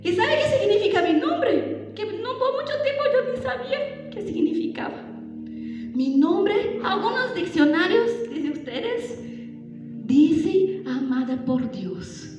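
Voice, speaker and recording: A woman's voice: very high-pitched, sing-song, takes it slowly, lo-fi sound, heavily acted. A woman preacher telling a first-person sermon as Mary Magdalene, a devoted, awestruck disciple, in an emotional, dramatic way. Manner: emotional, dramatic storytelling with exclamations. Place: large church hall at a women's congress. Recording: echoey hall with background music.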